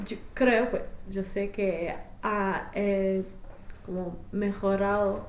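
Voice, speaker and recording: A young adult woman, a native English speaker, answers interview questions as a language learner, hesitant and full of fillers and restarts. Her voice is medium-pitched and darkish, reverberant, with a little hiss or hum.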